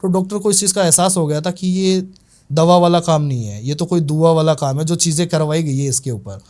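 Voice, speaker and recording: A man's voice: fairly high pitch, a little fast, a little mellow. A man with a slightly raised voice tells a long case story in loose, everyday speech. He circles back and repeats himself and leans on fillers as he goes. He talks like a practitioner recounting his own work. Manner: rambling, repetitive retelling with many fillers. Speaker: tantrik guest telling a case. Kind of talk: casual spoken storytelling.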